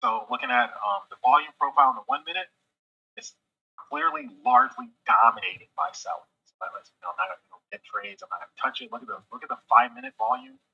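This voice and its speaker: A man's voice: medium pitch, wildly swooping pitch, gravelly, husky. Scratchy-voiced man narrating live trades. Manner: thinks aloud in quick half-muttered remarks. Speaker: day-trading livestream host. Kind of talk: live trading commentary. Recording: dull lo-fi sound.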